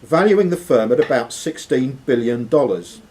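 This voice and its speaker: At normal speed and with an animated delivery, a medium-pitched man with a darkish tone puts quiz questions to contestants. The setting is a social club room with players around, recorded live amid plenty of noise.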